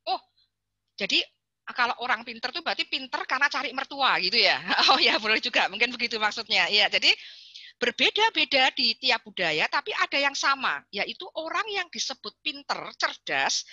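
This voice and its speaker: Lady psychologist doing a webinar, high bright animated voice, super dry close mic. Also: normal speed, no echo. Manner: chatty and playful, addresses the audience often and reads out chat answers. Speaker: psychologist giving a webinar talk to parents. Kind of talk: lively webinar talk.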